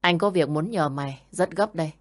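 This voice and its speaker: A woman's voice: sits low, brisk. A woman voicing a curt, commanding wealthy man who is a father.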